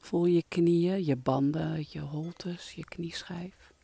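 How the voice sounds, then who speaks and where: A soft-spoken meditation guide leading a relaxation exercise in a calming, breathy voice that trails into whispers. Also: medium pitch, takes it slowly, dry recording.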